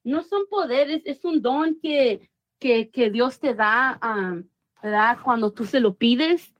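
Woman, higher pitch, dry recording, chatty storytelling, many restarts. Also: slow, dry recording, muffled recording. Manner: mixes English words into Spanish, many restarts. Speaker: guest. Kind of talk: casual storytelling interview.

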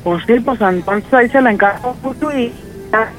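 A woman's voice: a little high, normal speed, soft background music, low-quality recording. A middle-aged woman on the phone, worried and reproachful, crying about her daughter. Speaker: prank call victim, mother. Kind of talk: phone call.

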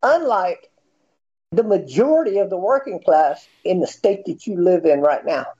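An American man in his fifties with a high-pitched, soft-edged voice. His intonation jumps around as he argues bluntly and profanely in a heated, informal debate. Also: animated, moderate pace, dull audio. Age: 50s.

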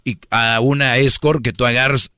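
A man's voice: mid-range voice, flat delivery, normal speed, pushed and bright, clear, resonant tone, dry recording. Guy hosting radio, firm and lecturing, teasing his sidekick, dry close sound. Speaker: radio show host. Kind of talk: casual radio banter.

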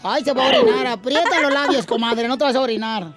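A man's voice: very high voice, sing-song, fast, over loud music. A man hosting a morning radio show, cracking jokes and slangy banter. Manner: playful, laughing, slangy joke-teller.

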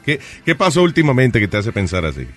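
A man's voice: medium pitch, big pitch swings, fast talker. A man hosting a comedy radio talk show, playful and teasing, dropping English phrases into his talk. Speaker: host. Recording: loud music playing behind.

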